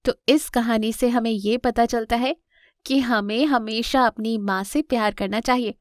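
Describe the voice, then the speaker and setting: A woman narrating a scripted children's cartoon story in a clear, expressive storytelling voice. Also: a little high, unhurried, no echo, clean studio sound.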